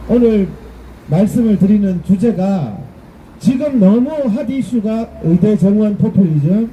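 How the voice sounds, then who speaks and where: Very high-voiced man giving a fiery speech. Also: a little hiss or hum, poor audio. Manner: combative, rhetorical, rising to shouts. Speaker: political rally speaker. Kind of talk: impassioned political speech to a gathering. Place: public gathering with a live audience.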